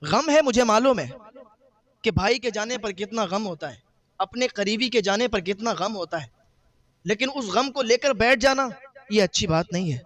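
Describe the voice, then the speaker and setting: High-voiced male preacher. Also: lively intonation, fairly bright tone. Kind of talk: sermon.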